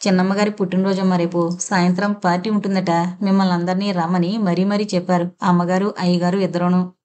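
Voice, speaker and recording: A humble male school servant , read by a woman narrator delivers a message politely and quickly in a storybook reading. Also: fairly low pitch, little pitch movement, darkish tone, lightly acted. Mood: deferential. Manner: polite and deferential.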